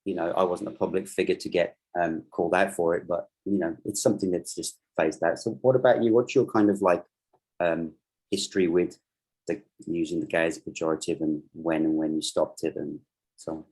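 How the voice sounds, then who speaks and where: Deep-voiced rambling male interviewer. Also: steady tone, fairly quick, a little mellow, slightly rough, poor audio. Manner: rambling questions full of fillers. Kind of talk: casual video-call interview. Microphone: video call.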